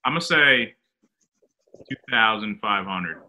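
A man chatting excitably with friends over a video call, calling everyone "dude.". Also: on the low side, measured pace, slight background noise. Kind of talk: casual video-call chat.

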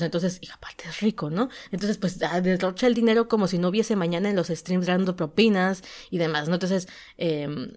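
A Mexican woman hosting a podcast, casually retelling a story in a chatty way and often pausing to search for the right word. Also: fairly low pitch, a little mellow. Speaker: podcast host and novelist.

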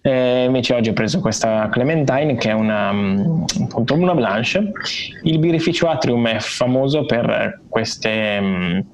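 A man co-hosts a laid-back chat from a remote call. His voice has a gravelly edge and the audio is slightly dull and lo-fi. He pauses often and fills the gaps while he describes things. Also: medium pitch, slight background noise. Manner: hesitant, many pauses and fillers while describing. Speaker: podcast co-host reviewing beer. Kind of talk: casual chat.

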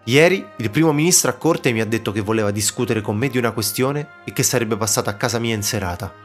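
A man's voice: medium pitch, fast talker, faint music behind, lightly acted. A man voicing a cunning elderly male court minister who speaks courteously and persuasively. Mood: placating.

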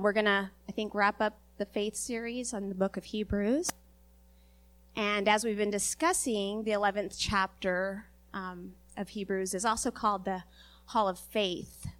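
Sniffly woman preaching to a congregation, earnest and a bit halting, mid-pitched voice. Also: fairly bright tone. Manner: earnest, halting, with many fillers. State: sniffly, recovering from a virus. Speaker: lay preacher. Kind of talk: church sermon.

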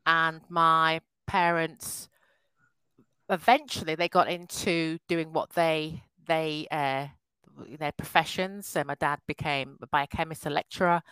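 A woman's voice: low-pitched, steady tone, measured pace, clear, resonant tone, dry recording, poor audio. A woman, a podcast guest telling her life story in a chatty way over a call. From England. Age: 50s. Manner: laughs often, warm and chatty, restarts sentences. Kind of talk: casual interview over a call.

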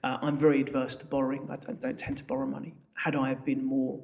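A man's voice: medium pitch, monotone, fast, creaky, a little mellow, a little hiss or hum. A man with an Essex accent giving chatty, emphatic interview answers as a business founder, often repeating words. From Essex, England. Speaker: business founder, podcast guest.

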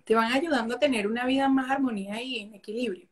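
A woman with a fairly high voice talks through her own family anecdotes as a guest. She speaks in an easy, warm conversational way, lively and personal. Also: fast, crowd noise. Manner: warm storytelling, acts out family quotes. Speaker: holistic therapist guest. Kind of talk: casual interview conversation.

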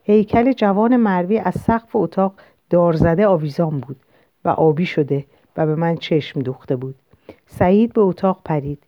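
A woman reading a novel aloud in the first person, in a measured, literary way. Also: fairly low pitch, no room sound. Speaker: audiobook narrator. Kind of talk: first-person audiobook narration. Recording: dull lo-fi dry recording.

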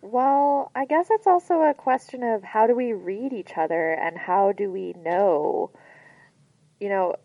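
A woman's voice: medium pitch, no echo. A woman co-hosting a casual radio chat show, thinking aloud and laughing easily. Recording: dull lo-fi sound, dry.

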